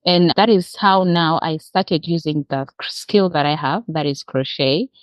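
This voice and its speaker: Over muffled, dull lo-fi call audio, a Ugandan social worker with a Ugandan accent talks earnestly about her job while being interviewed. Her voice is low, her pace measured, and the recording dry.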